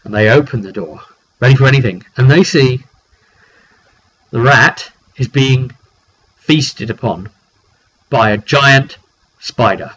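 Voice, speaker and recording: Here the game master's voice is mid-range, a bit bright and slightly rough, moving slowly with frequent pauses. He thinks aloud and repeats words while casually going over the tabletop roleplaying session, in a dull recording with faint background noise.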